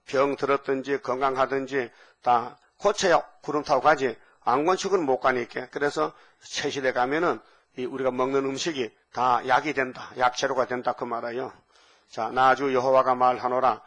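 A man preaching a sermon, telling Bible stories with lively acted-out voices for the characters. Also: medium pitch. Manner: animated storytelling, acting out Bible characters' voices.

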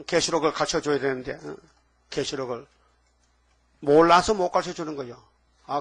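Fiery pastor in his seventies. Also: on the high side. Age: 70s. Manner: folksy, fiery preaching with sudden loud outbursts. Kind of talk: sermon.

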